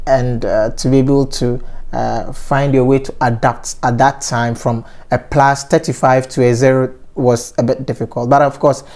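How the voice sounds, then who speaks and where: A man from Ghana, in his thirties, hosts a relaxed conversation. His voice is dark and mellow. He talks in a measured way and often pauses, restarts and uses fillers. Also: mid-range voice. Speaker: interview host. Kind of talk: casual conversational interview.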